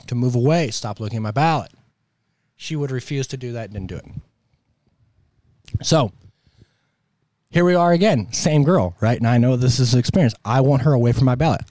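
Hosting a political commentary show, this American man has a sore throat and keeps coughing and clearing it as he gives an emphatic, exasperated, colloquial opinion monologue. His medium-pitched voice is expressive, a little fast and a little mellow, with no room sound.

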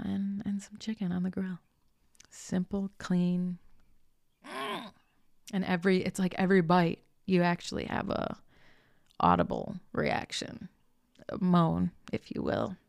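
A young adult woman with a low, gravelly voice talks through a relaxed motivational monologue. She is chatty and earnest, slips into soft whispers and swears casually. The sound is close and dry, with no room around it. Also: dry recording. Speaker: podcast host, spiritual coach.

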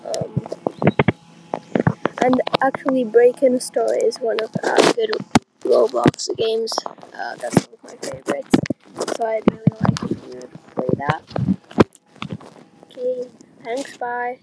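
Woman in a creaky disguised voice. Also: on the high side, slow, pauses often. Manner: self-disguised altered voice, put on without a device. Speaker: listener leaving a voice message. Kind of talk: casual voice message. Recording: noisy background, phone-recorded message.

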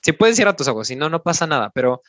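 A man with a Mexican accent coaches podcast listeners through an exercise step by step, often ending sentences with a questioning "¿no?". His voice is a little high, sing-song and a bit bright, and he talks quickly. The recording is muffled, with no room sound.

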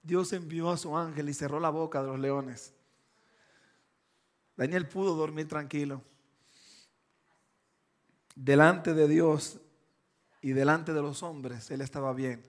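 A man preaching a sermon with emphatic, repeated phrases, swinging between loud bursts and hushed, slow lines. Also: on the high side, steady tone.

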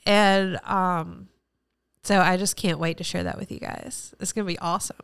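A woman hosts a solo podcast, speaking in an effusive, rambling way that keeps turning emotional. Her voice sits a little low and sounds very smooth and clean. It is recorded dry and close, with no room echo. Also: steady tone, normal speed, fairly bright tone. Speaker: podcast host; former teacher.

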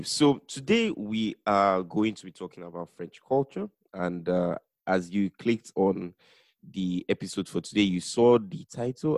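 In a casual podcast interview, the male host quizzes his guest playfully and with plenty of teasing. His voice sits on the low side, and there's no echo on the recording.

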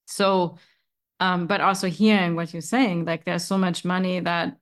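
Raised woman hosting, low voice. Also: level tone, a little slow. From Germany. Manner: agreeable, with short listening replies. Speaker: podcast host. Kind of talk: casual interview conversation.

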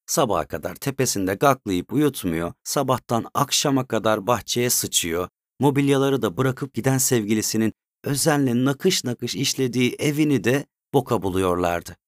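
A man narrating a story in a steady, measured way. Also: mid-range voice, no echo, clean studio sound.

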